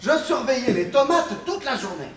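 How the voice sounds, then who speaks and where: A man plays a humble, easygoing guard who is short of money. His voice sits high, and his talk is chatty and folksy. He sounds far from the mic in an echoing hall. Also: very animated, moderate pace, slight background noise. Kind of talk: amateur stage play performance. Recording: echoey stage hall picked up from afar.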